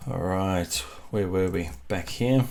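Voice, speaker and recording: Soft-spoken and deep-voiced, a New man, a web developer, takes things slowly in a casual screen-recorded tutorial, rambling with many fillers. He's at home at night with his family asleep, captured by the computer mic.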